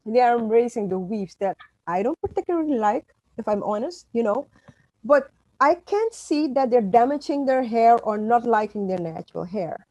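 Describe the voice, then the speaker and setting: A native Dutch speaker from Suriname, middle-aged, talks as an author and guest in a conversational interview, emphatic and prone to restarts. She has a fairly high, animated voice with a darkish tone and moderate pace, recorded roughly but without echo.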